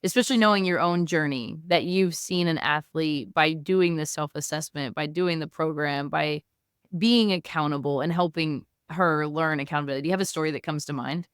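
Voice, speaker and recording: Low-voiced woman podcast host. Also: normal speed, smooth, dry recording, clean studio sound. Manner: encouraging, asks long questions. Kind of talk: podcast interview.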